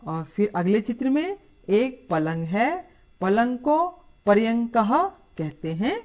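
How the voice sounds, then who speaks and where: A woman teaching a lesson to schoolchildren, explaining slowly and patiently. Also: mid-range voice, big pitch swings, a little mellow. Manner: slow, patient, addressing children. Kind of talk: scripted lesson.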